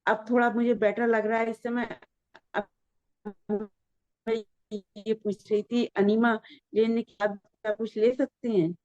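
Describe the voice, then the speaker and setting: A woman caller describing her situation over an online call, her phrases halting and broken off while the connection keeps cutting out in glitchy bursts. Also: on the high side, flat delivery, a little mellow, dry recording. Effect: choppy, breaking-up online call audio. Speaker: caller asking a question. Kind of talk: casual call-in question. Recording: dull, muffled call line.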